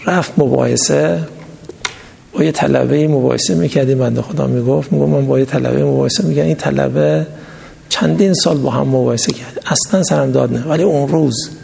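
A man's voice: mid-range voice, creaky, dark tone. A man giving a religious lecture, reading a text aloud and then explaining it in everyday speech with stories. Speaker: religious teacher. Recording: long hall reverb.

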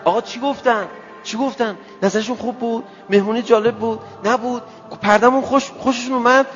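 A male preacher giving an emphatic sermon to a gathering, firing rhetorical questions at the audience and swinging between loud outbursts and soft asides. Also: extremely high pitch, fairly even intonation. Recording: dull lo-fi sound with long hall reverb and faint music.

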